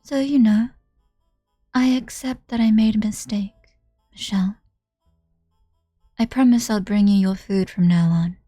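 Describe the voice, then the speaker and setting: Brief: woman voicing a cruel sneering young tormentor, mellow dry read. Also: medium pitch, measured pace, long pauses, dry recording, soft background music, natural voice. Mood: gleeful. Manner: taunting, sneering, laughing. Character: cruel mocking young woman, gleefully sadistic. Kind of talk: reading a visual novel aloud.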